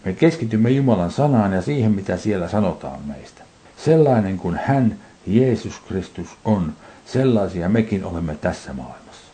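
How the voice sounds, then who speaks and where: A man's voice: low-pitched, very animated, dark tone. A man preaching a sermon, reading scripture aloud and explaining it to the congregation.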